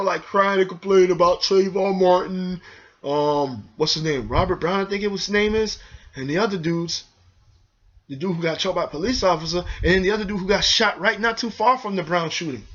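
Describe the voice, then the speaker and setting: A male video host delivers an impassioned vlog rant, preachy and repetitive, speaking directly to his viewers as "y'all." His voice sits high, brisk and a bit bright. The recording has a dull, lo-fi sound.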